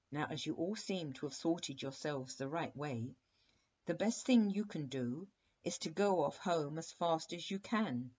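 A woman playing a slow-spoken old witch. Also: sits low, slightly rough, highs cut off, exaggerated voice. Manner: slow, drawn-out and emphatic. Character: old woman witch, gruff turned kindly.

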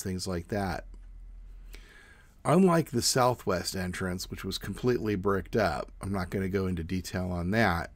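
A middle-aged man giving a measured, plain informative presentation outdoors. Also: low-pitched, no echo. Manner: measured, plain explanatory delivery. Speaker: student presenter. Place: outdoors in front of a brick building.

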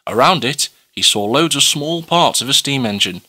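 A man's voice: mid-range voice, animated, normal speed, sharp tone, breathy edge. A man reading scripted story narration as the narrator.

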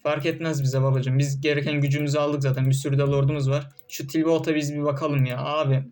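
A man's voice: fairly high pitch, flat delivery, quick pace, a little mellow. A young man doing casual gameplay commentary, often frustrated, cursing and barking orders at his troops. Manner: frustrated, swearing, talking to game troops.

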